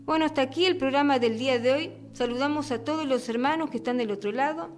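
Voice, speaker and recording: On a radio program, a woman preacher delivers an earnest sermon and a long prayer in a high, fast voice. She often repeats herself and restarts her words.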